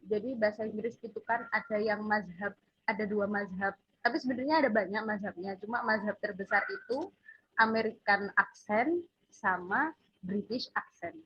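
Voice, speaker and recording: A woman's voice: medium pitch, normal speed, breathy edge, dull audio. A woman teaching a casual one-on-one English lesson, patiently drilling letters for her student to repeat.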